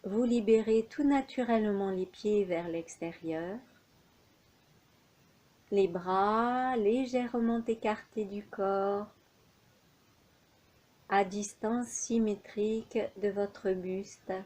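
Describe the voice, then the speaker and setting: A woman instructor guides a yoga nidra relaxation, her mid-range, dark-toned voice moving in measured, unhurried phrases separated by pauses.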